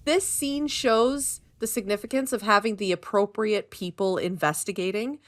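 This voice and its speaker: A woman co-hosting a podcast, recapping an episode in casual chat, animated and giggly with sarcastic asides. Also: mid-range voice, moderate pace. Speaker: podcast co-host.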